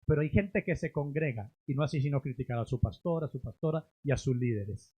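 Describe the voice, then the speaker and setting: A man preaching a sermon as a pastor in a church, rising to loud emphatic lines and then dropping to low, drawn-out endings. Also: expressive, husky, muffled recording. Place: church sanctuary.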